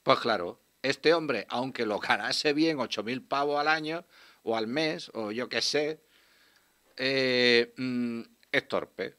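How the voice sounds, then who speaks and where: A man's voice: mid-range voice, slow. A man in his sixties hosting a radio show, delivering a sardonic, swearing comic monologue and bantering with a guest in a small studio. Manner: sardonic, animated, swears freely. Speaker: radio host. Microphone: studio mic with headphones.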